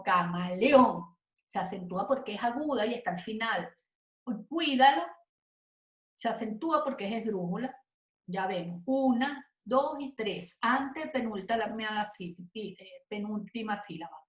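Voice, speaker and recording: A woman teaching a spoken grammar lesson, going slowly and carefully and stretching example words out syllable by syllable. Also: mid-range voice. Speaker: Spanish teacher. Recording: echoey room.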